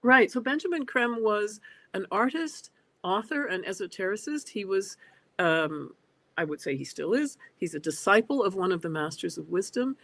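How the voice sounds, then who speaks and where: A woman's voice: mid-range voice, expressive, normal speed, a bit bright. A woman in her sixties, a guest speaking over a video call, talking thoughtfully with frequent hesitant fillers. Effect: heard over a video call. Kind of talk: reflective interview talk. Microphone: computer on a video call.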